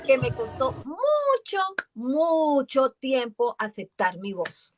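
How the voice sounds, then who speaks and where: A voice actress from Valle del Cauca in Colombia with a Colombian accent, chatting in an interview and telling her story in a lively way, acting out the voices she quotes. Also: high-pitched, slow pace, slight background noise. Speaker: voice actress guest. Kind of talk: casual interview chat.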